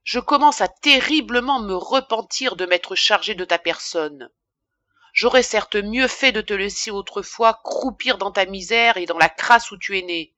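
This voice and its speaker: A woman's voice: medium pitch, unhurried, pushed and bright, no room sound. A woman voicing a pompous, irascible middle-aged male apothecary in an indignant tirade, read for an audiobook. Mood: ranting.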